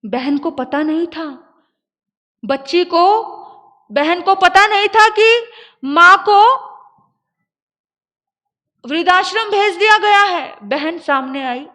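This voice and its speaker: A woman sadhvi giving an emotional storytelling sermon, moving between loud appeals and hushed narration. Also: very high voice, lively intonation, takes it slowly, long pauses. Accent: Hindi. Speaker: Jain sadhvi preacher. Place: large hall, live sermon. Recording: echoey hall reverb.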